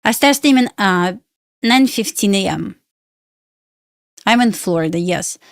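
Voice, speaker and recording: Expressive and gravelly at medium pitch, this unhurried woman's voice comes through in clean studio sound with no room sound. A bubbly Belarusian futures day trader whose first language is Russian, she giggles through casual live stream chat with loose non-native grammar.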